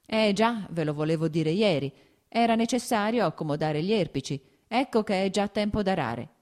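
A woman narrates an audiobook in an expressive, mid-range voice at a moderate pace, with a darkish tone. She pitches it a bit above her own natural voice, though it stays close to everyday speech, to play an evasive male estate steward who dodges with placating excuses.

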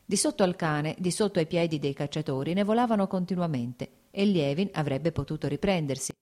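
Low-voiced woman reading a novel. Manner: steady, measured literary reading. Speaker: audiobook narrator. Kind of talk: scripted audiobook narration of a classic novel.

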